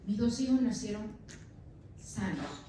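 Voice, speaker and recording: A woman's voice: on the high side, normal speed, a little mellow. A woman pastor in her thirties preaching a sermon with emphatic delivery, addressing the congregation as brother. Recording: echoey church from far off, faint noise.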